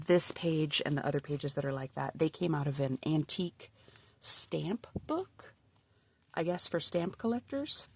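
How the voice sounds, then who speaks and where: Sniffly from a cold, this woman shows off a handmade journal she crafted, talking in a bubbly, casual way as she pages through it and frequently sinking to a murmur. Her voice sits low and sounds creaky, with a darkish tone.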